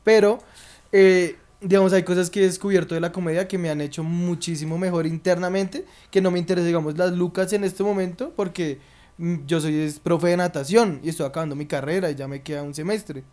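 A young man in his twenties, a comedian chatting casually in a relaxed, slangy, self-mocking way. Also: sits high, brisk. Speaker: comedian, co-host. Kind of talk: casual chat.

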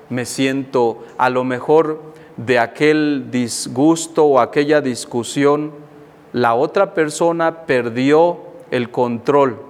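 A friar preaching a sermon at an unhurried pace. He speaks reflectively and acts out little inner dialogues. His voice carries a long reverb, as if he is in a hall. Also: medium pitch.

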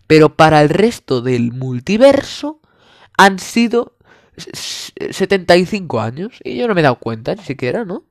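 A man's voice: high-pitched, no room sound, clean studio sound. Sarcastic young Spanish man ranting. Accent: Spain. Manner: sarcastic, exaggerated, swears freely. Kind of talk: comedic monologue.

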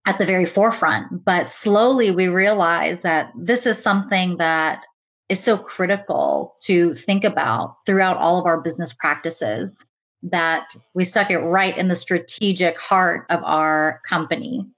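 A woman from the United States speaking in an interview about her work leading diversity and inclusion, earnest and measured, often saying "really" and "kind of.". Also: fairly low pitch, fairly bright tone. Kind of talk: conversational interview.

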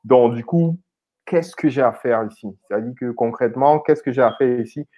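A man's voice: mid-range voice, moderate pace, mellow. A man from Cameroon in his thirties, an IT consultant and founder, talking casually as an interview guest with many fillers and repeated words. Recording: slightly dull lo-fi audio.

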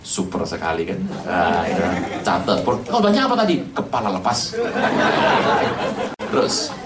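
An animated preacher delivers a joking sermon, throwing question after question at the congregation with a voice that swings widely up and down. The sound is roomy and caught from some distance off the mic, as in a big church hall. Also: sits low, a little slow, a crowd in the background. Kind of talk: lively humorous sermon.

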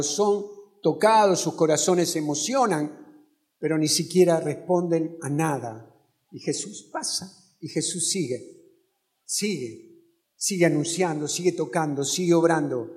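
A man's voice: a little high, darkish tone. A man with an Argentine accent preaching a fervent sermon in a chapel, with a repetitive preaching cadence. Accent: Argentine Spanish.

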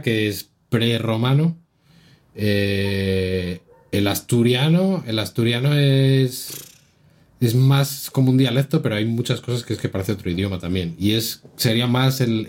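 A man's voice: on the low side, normal speed, a little mellow. Castilian man explaining in casual chat. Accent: Castilian Spanish. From Castile, Spain.

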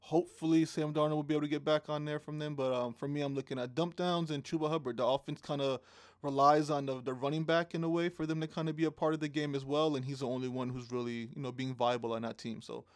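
A man's voice: on the high side, level tone, fast, no echo, studio quality. Laid-back man talking fantasy football. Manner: easygoing, many ums, playful team banter. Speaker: fantasy football podcast co-host. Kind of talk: casual sports chat.

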